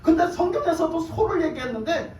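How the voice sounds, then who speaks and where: A pastor preaching a sermon, telling a personal story in a lively, colloquial way that flares into excitement. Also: male voice, extremely high pitch, fairly quick. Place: church sanctuary. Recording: roomy church hall, far from the mic, faint background noise.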